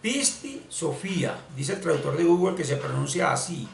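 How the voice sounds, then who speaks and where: A man teaching spiritual ideas in an explanatory lesson, talking slowly and deliberately and repeating words for emphasis. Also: a little high, gravelly. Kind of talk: explanatory screen-share lesson. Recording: echoey room, distant mic, faint hiss.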